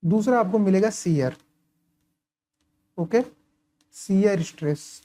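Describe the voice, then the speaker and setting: A male engineering tutor talking through course material in a relaxed, conversational lecture. His voice is mellow and dark, and he keeps tossing out questions that he answers himself, dotting his explanation with quick check-ins as he marks up his notes. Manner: writes and highlights while talking.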